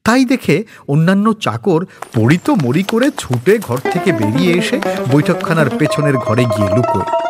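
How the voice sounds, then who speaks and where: Lively male storyteller over music. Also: on the high side. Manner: lively, expressive reading. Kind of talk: storybook narration. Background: background music.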